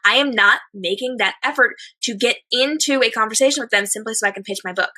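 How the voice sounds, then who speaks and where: A slightly hoarse woman hosting a chatty advice show, speaking emphatically and repeating phrases in lists. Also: fairly high pitch, quick pace, bright, forceful tone. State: slightly hoarse, losing her voice. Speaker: host of an advice show for authors. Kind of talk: chatty advice monologue to viewers.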